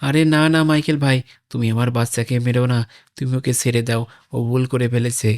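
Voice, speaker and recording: A man's voice: mid-range voice, steady tone, fast, natural voice. A man voicing a brave, defiant father in a cartoon who stands up to a gang. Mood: worried. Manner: forceful, pleading when cornered. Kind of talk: animated game-parody voice acting.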